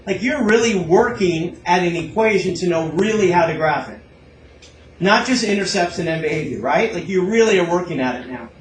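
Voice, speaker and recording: A man's voice: high voice, expressive, moderate pace, slight background noise, low-quality recording. A man with a Canadian accent teaching a calculus class, encouraging and asking his students many questions. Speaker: math teacher. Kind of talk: classroom lecture.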